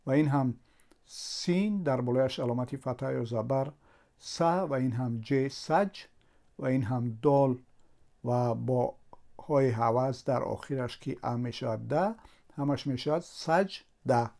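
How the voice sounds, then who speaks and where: A man's voice: medium pitch, gravelly, mellow. Patient man, teaching. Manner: patient, step by step, repeats patterns. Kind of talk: slow spelling lesson, sounding out letters.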